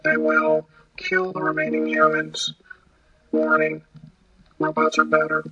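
A man voicing an eerie male messenger who gives flat, whispery, repetitive warnings, on a dull lo-fi recording. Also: fairly high pitch, a little slow, natural voice. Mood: ominous.

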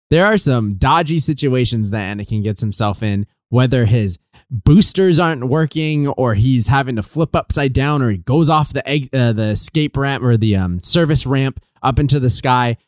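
A man co-hosting a casual film review podcast, talking in an animated, sarcastic way and laughing often. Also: mid-range voice, dry recording, studio quality. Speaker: podcast co-host.

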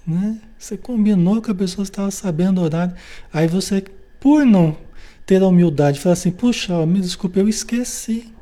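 Mellow Brazilian teacher checking in constantly. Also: medium pitch, a little fast. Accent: Brazilian Portuguese. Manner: checks in with constant tag questions; acts out quoted everyday dialogues. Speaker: study group teacher. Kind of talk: informal spiritual lesson.

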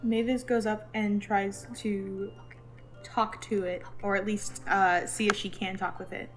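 A woman's voice: mid-range voice, flat delivery, unhurried, over music. A woman chatting casually as a player in a tabletop game.

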